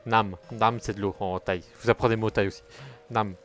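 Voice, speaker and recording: A man's voice: on the low side, steady tone, a little fast, faint music behind. Rambling young man streaming a game. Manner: chatty, rambling, swears at the game. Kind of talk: casual gaming commentary.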